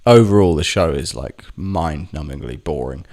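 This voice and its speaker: A man's voice: extremely low pitch, lively intonation, moderate pace, a little mellow. A man telling a rambling, sweary personal story to camera, often stopping to correct himself. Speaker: vlogger. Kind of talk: casual storytelling monologue.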